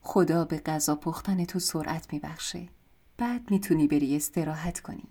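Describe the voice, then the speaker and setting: A woman's voice: sits low, steady tone, warm tone, slightly rough. A woman reading as a kindly magic doll. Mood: reassuring. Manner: soothing, reassuring.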